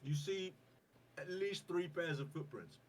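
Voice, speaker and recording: A man's voice: fairly high pitch, lively intonation, a little slow. A man narrating as game master of a tabletop game in a playful, often laughing way. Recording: distant mic with faint background noise.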